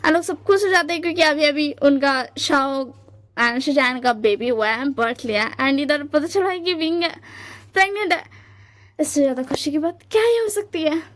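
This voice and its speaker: A high-voiced woman retells a fan story in a loose, chatty way. She leans on fillers and drops English words into her talk, speaking straight to her viewers. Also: moderate pace, fairly bright tone. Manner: chatty, mixes English into Hindi, filler-heavy.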